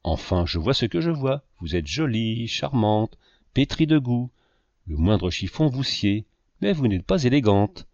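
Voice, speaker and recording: A man reading as a flattering, scheming suitor. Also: medium pitch, a little slow, no room sound. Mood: insistent. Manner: insistent, flattering. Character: scheming, self-pitying grown man, a would-be seducer. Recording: dull lo-fi dry recording.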